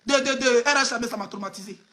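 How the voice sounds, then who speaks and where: A little high and quick, the voice sounds bright and forceful. It belongs to an online gossip blogger from Côte d'Ivoire whose live commentary, in an Ivorian French accent, emphatically mocks the person she talks straight to.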